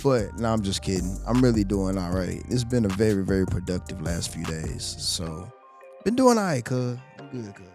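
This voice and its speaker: A man from co-hosting a podcast, joking around in relaxed slang. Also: low-pitched, moderate pace, faint music behind. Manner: laid-back, joking slang. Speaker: podcast co-host. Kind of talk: casual chat.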